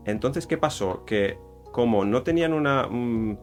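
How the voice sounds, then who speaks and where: A man's voice: mid-range voice, expressive, unhurried, faint music behind. A man with a Spain Spanish accent, casually explaining a cultural topic in a rambling way, full of fillers and self-corrections. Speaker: YouTuber explaining Japanese culture.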